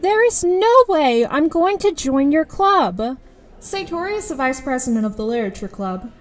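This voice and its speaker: In an audio drama, a woman plays a reluctant, exasperated high school girl, delivering dry, grudging first-person narration and dialogue. She talks fast with big pitch swings and a slightly mellow tone.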